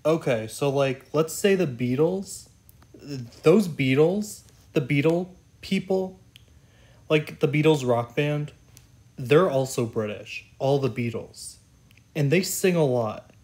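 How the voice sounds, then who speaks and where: A man's voice: a little high, lively intonation, takes it slowly, darkish tone. A man hosting his own channel, chatting casually and enthusiastically about singers, rambling with lots of "like" and "oh my gosh". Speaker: YouTube channel host.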